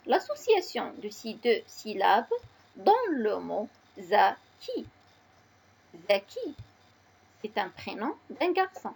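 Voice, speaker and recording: A woman teacher slowly spelling out letters and syllables in a reading lesson for children. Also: a little high, wildly swooping pitch, vocal fry, a little mellow, breathy edge.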